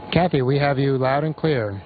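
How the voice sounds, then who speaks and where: A man's voice: mid-range voice, moderate pace. A man aboard the space station answering over a space-to-ground radio link, in a friendly, clipped reply. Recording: tinny, distant radio downlink with faint noise.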